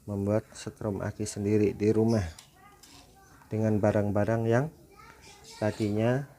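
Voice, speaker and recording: A man's voice: on the low side, a little slow, a little hiss or hum. A man giving a casual DIY how-to demonstration at home, talking to viewers like friends. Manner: relaxed, talks straight to viewers as friends. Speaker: DIY tutorial maker.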